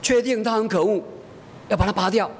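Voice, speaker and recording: A demanding little girl of four, squeaky and whiny, played by a man. She pleads and insists in a raised, childish voice. The sound carries a long hall echo with a faint low rumble behind it. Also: a little fast. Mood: insistent.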